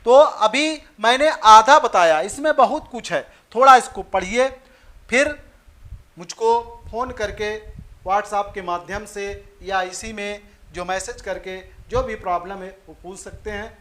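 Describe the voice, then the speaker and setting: Slow, bright-voiced Indian man teaching grammar. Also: high-pitched. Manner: explains slowly, repeating phrases and writing as he goes. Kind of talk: slow classroom explanation.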